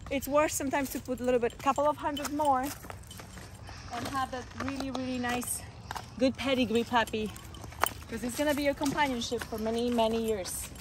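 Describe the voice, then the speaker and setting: A middle-aged vlogger with a high-pitched, steady voice talks at normal speed, earnestly explaining dog matters in non-native phrasing. She's a dog owner out on a wooded hiking trail. The noisy outdoor audio comes from a camera held by someone else a few steps away.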